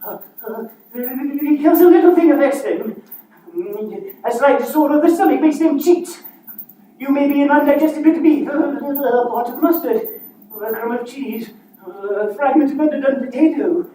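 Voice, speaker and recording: A woman's voice: sits high, moderate pace, warm tone, pitched above the performer's own voice, natural voice. A woman playing both parts in a theatrical solo show, voicing a frightened, pleading miserly man who stammers and quavers. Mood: nervous, doubting. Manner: quavering, hesitant stammer, muttering. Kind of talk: theatrical one-person stage storytelling, playing both parts. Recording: echoey hall from far off, faint noise.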